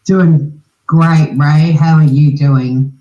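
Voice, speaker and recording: An Australian woman hosting a scambaiting livestream, asking teasing, deadpan questions on a prank call. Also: low-pitched, slow pace, reverberant, muffled recording.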